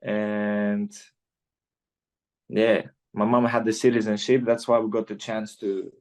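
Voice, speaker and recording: Relaxed young man from Greece. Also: on the low side, takes it slowly. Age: 20s. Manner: laid-back, peppers speech with "you know". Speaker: guest fighter. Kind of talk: casual interview chat.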